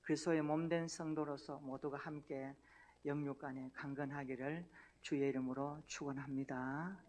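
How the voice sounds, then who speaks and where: Folksy pastor preaching. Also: male voice, a little high, steady tone, moderate pace, darkish tone, a little hiss or hum. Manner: folksy, tells jokes and invites the congregation. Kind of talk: sermon. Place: church sanctuary.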